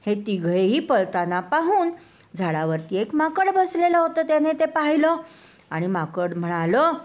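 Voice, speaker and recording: An older woman telling a children's story in a slow, sing-song way, addressing the kids directly. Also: fairly high pitch, sing-song. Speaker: storyteller grandmother.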